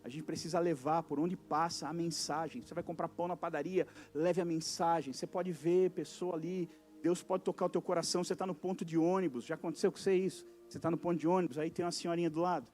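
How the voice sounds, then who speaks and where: A high-pitched male pastor with a Brazilian Portuguese accent delivers a lively evangelical sermon in church. He jumps between booming lines and near-whispers and acts out everyday conversations. Soft music lingers in the background. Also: quick pace. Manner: animated preaching, acts out little dialogues, swings from loud to soft. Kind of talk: evangelical sermon to a youth service. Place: church service.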